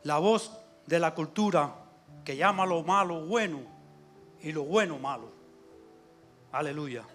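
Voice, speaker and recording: High-voiced fervent man preaching. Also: measured pace. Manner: fervent preaching with frequent amen and hallelujah. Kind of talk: sermon. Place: church. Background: soft instrumental music.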